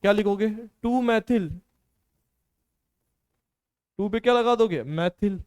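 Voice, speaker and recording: This clean, slightly dark, high-pitched male voice belongs to a chemistry teacher who talks slowly. He lectures in a relaxed, supportive classroom manner, repeatedly asking his students questions, answering them himself, and addressing them as "beta".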